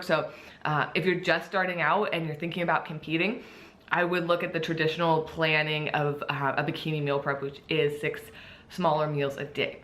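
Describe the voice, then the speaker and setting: A woman's voice: sits low, fairly bright tone. A woman talking casually to her vlog audience in an upbeat, chatty way, with a slight lisp from wearing dental aligners. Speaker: vlogger, bikini competitor.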